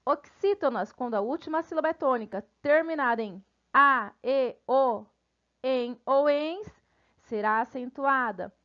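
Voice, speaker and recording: High-voiced Brazilian teacher, lo-fi. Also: female voice. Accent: Brazilian Portuguese. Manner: spells out syllables slowly; friendly, addresses students casually. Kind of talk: recorded grammar lesson.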